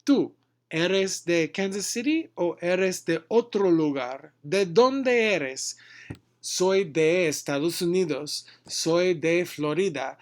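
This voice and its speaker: A man leads a casual language lesson at a very unhurried pace. His slightly raised voice models short phrases one at a time, pausing to explain them in English. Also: on the high side. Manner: slow, deliberate modeling of phrases, switching between Spanish and English. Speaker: Spanish teacher.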